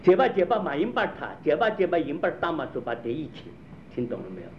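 This man sounds a little high, very animated, and fast. He works through a problem by quizzing his audience again and again with rhetorical questions, drilling each point, and the audio is dull and lo-fi with a faint background noise.

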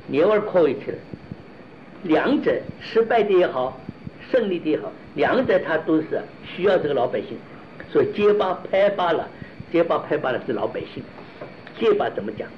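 Teaching Buddhist philosophy, a man lectures on doctrine in a halting manner, restarting phrases and throwing rhetorical questions at listeners. His somewhat high male voice swings widely in pitch. The sound is dull and lo-fi, with a soft hiss beneath.

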